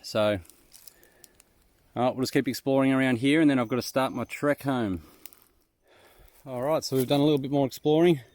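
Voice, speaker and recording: A laid-back vlogger from New South Wales, Australia, who explores abandoned mines, chats slangily and self-deprecatingly to viewers out in the bush. His medium-pitched, darkish voice has fairly even intonation and comes a little fast with frequent pauses. There's no room sound.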